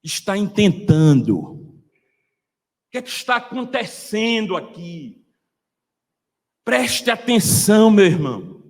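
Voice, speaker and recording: Fervent high-voiced preacher. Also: male voice, big pitch swings, slow, pauses often, in a large hall. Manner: fervent preaching, calling out to the congregation. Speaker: pastor. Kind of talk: sermon.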